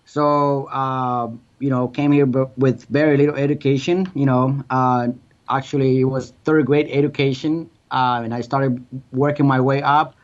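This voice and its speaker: A man from Guatemala, a guest answering interview questions in a relaxed way, with lots of fillers. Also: mid-range voice, normal speed, lo-fi sound. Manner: relaxed, conversational, many "you know" fillers.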